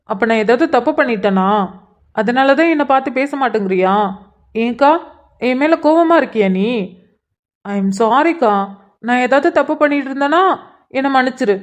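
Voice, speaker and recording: A woman's voice: sits high, animated, normal speed, pauses often. A woman voicing an earnest young man who keeps pressing his elder sister with pleading, insistent questions in a cartoon. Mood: probing. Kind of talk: cartoon voice acting.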